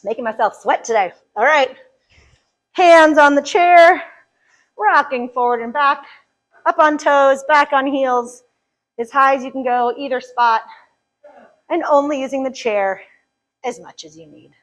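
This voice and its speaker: High-voiced upbeat woman yoga teacher. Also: measured pace, long pauses, a bit bright, poor audio. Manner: upbeat, joking, counting reps aloud. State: a little out of breath. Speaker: chair yoga instructor. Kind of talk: live fitness class instruction.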